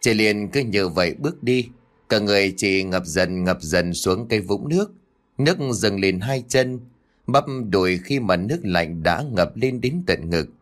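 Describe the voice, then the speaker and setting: Một người đàn ông kể truyện ma theo kịch bản, giọng đều và kịch tính. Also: male voice, lowish voice, animated, measured pace. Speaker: storyteller. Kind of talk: scripted ghost story narration. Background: faint music.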